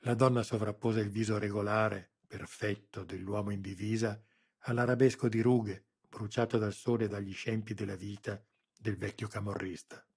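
Male audiobook narrator, husky, low, measured scripted narration. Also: little pitch movement, a little mellow.

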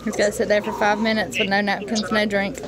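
A woman's voice: mid-range voice, little pitch movement, quick pace. A woman chatting casually while she films in a restaurant. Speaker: mother filming an eating challenge. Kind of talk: casual chat. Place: indoors in a small restaurant. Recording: loud restaurant crowd noise.

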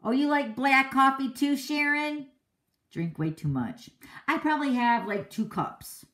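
A woman's voice: high voice, expressive, a little slow, fairly bright tone. Chatty, outspoken woman hosting a livestream. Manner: laughs often. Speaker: card-making livestream host. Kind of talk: casual live-stream chat.

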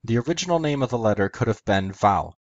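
A man's voice: mid-range voice, lively intonation, quick pace, no room sound, lo-fi sound. A man hosting an educational video, narrating a methodical scripted explanation step by step.

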